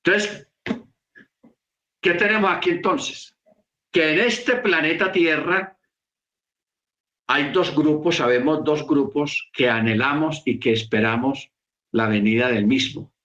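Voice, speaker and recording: A man teaching a congregation in a sermon, explaining slowly and repeating key words for emphasis. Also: fairly high pitch, a bit bright, echoey room, highs cut off. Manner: slow, repetitive, emphatic explaining.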